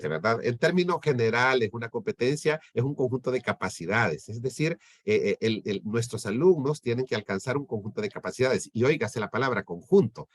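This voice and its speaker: A man's voice: mid-range voice, lively intonation, fairly quick, few pauses. A man giving an explanatory lecture to teachers on lesson planning, often checking in with his listeners. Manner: explanatory, keeps asking "¿verdad?". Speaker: teacher trainer.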